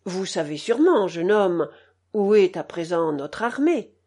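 A woman's voice: on the low side, sing-song, a little slow, mellow, breathy edge, full character voice. A woman doing a worried innkeeper father. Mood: earnest.

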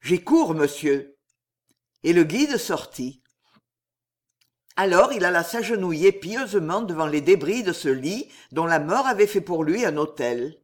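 A man narrating an audiobook of a classic novel in a measured, literary manner. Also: high-pitched, animated.

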